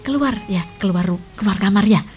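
A woman's voice: medium pitch, brisk, lightly acted. An actress playing an older Javanese grandmother who frets and coaxes a crying grandchild in a family drama. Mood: fretful coaxing. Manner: fretful, coaxing, chatty. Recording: steady background noise.

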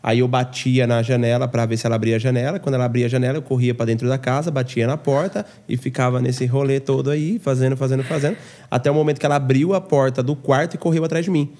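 Mellow-voiced Brazilian man telling a story. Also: mid-range voice, fast talker. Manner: lively anecdote telling with slang. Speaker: podcast guest. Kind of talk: casual storytelling chat.

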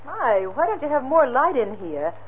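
A woman's voice: sits high, big pitch swings, moderate pace. A woman playing an earnest, concerned young heroine in an old radio space adventure serial. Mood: chatty, curious. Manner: earnest, exclaiming. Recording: noisy, tinny vintage radio recording.

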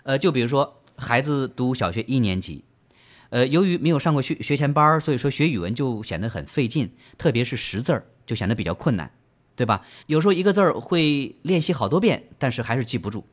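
A man's voice: mid-range voice, big pitch swings, a little fast. A man hosting a book club, explaining and retelling in trained standard Mandarin with frequent fillers and questions to the listener. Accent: standard Mandarin, broadcast-trained. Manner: gentle storyteller, asks listeners rhetorical questions. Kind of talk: book reading and discussion.

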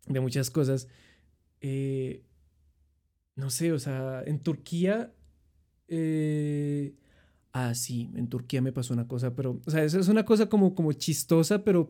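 A man's voice: on the high side, measured pace. A young man with a Colombian accent telling travel stories in a chatty, rambling way. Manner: chatty, rambling, animated retelling. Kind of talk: casual storytelling.

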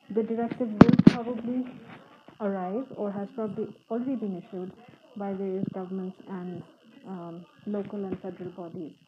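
A woman podcast host speaking through a face mask, in plain spoken talk and reading aloud. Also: mid-range voice. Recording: phone-like narrow band, faint background noise.

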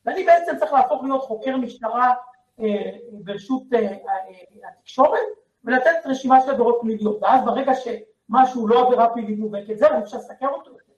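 A man's voice: very high-pitched, lo-fi sound. Distant, roomy-sounding man on a panel. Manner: hesitant, many fillers. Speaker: journalist panelist. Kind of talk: panel discussion.

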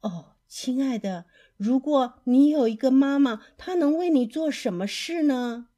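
A kind storybook mother bear speaks in a gentle, cooing voice, as a woman reading aloud puts her on. Her lilt rises and falls. The voice sits a little high. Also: expressive, unhurried. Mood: tender.

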